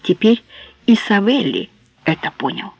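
A woman narrating a novel aloud in a measured, even reading. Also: mid-range voice, creaky, breathy edge, no room sound. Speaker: audiobook narrator. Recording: dull, dry close recording.

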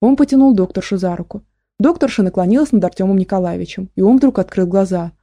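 Female audiobook narrator, steady delivery, very dark warm tone. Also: medium pitch, quick pace, no room sound. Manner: steady storytelling, voices characters.

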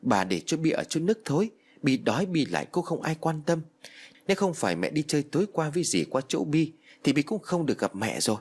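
A man's voice: fairly high pitch, big pitch swings, a little fast, darkish tone, slightly rough, pitched above the performer's own voice, heavily acted. A man voicing the ghost of a small girl who is clingy, stubborn and tearful in a spoken ghost story. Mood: defiant. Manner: childish, pleading and stubborn.

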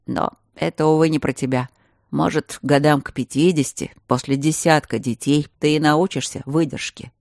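A woman reading an audiobook, voicing a calm, teasing male mage who lectures patiently. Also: low voice, moderate pace, vocal fry, no echo, clean studio sound. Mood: patient lecturing. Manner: patient, gently mocking, lecturing.

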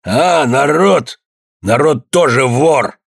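An actor playing a furious, greedy old peasant man who shouts hoarsely, choking with rage. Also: medium pitch, takes it slowly, no room sound, studio quality, heavily acted. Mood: raging. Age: older.

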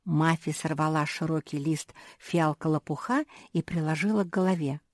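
A woman reading a children's story aloud as a first-person narrator, in an animated way. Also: deep voice, normal speed, no room sound, studio quality.

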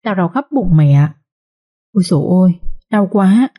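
A woman's voice: fairly low pitch, lively intonation, moderate pace, warm tone, slightly rough. A woman doing a whiny scheming servant girl. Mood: defensive. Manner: whining, pleading.

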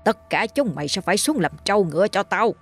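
A growling, man-like demonic voice snarls out of a possessed woman in a spoken ghost story, as a woman narrator puts it on. It comes low and hushed, rough and threatening, with a faint bed of music behind it. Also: big pitch swings, fairly quick, long reverb tail. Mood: menacing.

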